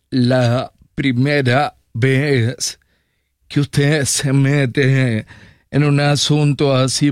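Guy hosting, super slow and deliberate, clear smooth voice. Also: medium pitch, no room sound, clean studio sound. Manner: probing, formal "usted" questions. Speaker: interview host. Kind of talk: radio interview.

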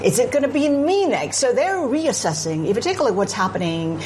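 Woman analyst from Singapore, measured. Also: fairly high pitch, big pitch swings, a little mellow, slight background noise. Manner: measured, frequent "I mean" asides. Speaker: news analyst. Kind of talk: news panel discussion.

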